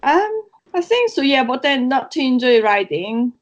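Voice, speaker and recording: Big pitch swings mark the high-pitched voice of a South Korean woman co-hosting a casual podcast, where she tells stories at a moderate pace and laughs often. The audio is lo-fi and slightly dull.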